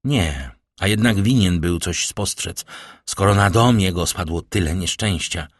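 Man voicing a solemn fatherly nobleman, reassuring, deep low voice, dry close sound. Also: expressive, measured pace, no room sound. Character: grave fatherly older nobleman protector.

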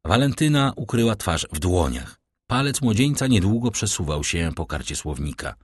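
A male audiobook narrator reads a classic novel in a measured, dramatic way. His voice is low and husky. The recording is dry and close to the mic. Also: big pitch swings, no room sound.

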